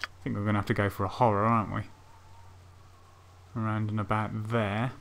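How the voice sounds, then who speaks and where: A man's voice: lowish voice, level tone, brisk, vocal fry, fairly bright tone. A man giving casual let's play commentary, thinking aloud hesitantly as he plans his moves. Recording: game music behind voice.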